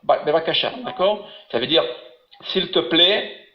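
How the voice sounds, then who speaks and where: Man, patient Hebrew teacher on a webinar, slightly high voice, dull echoey call audio. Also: lively intonation, measured pace. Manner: patient, encouraging, explains step by step. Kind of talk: online class, teaching.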